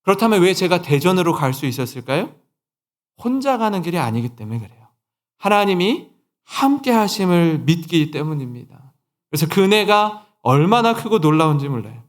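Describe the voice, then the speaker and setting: A man in his forties, a pastor from Seoul, preaching a sermon and telling a personal story with quoted dialogue and lively emphasis. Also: high-pitched, normal speed. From Seoul, South Korea. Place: church sanctuary.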